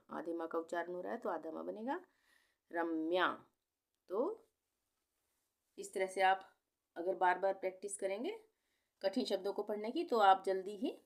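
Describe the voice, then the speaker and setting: A woman teaching Hindi spelling on a video channel, patiently repeating each name slowly, syllable by syllable, with a few English words mixed in. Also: lowish voice.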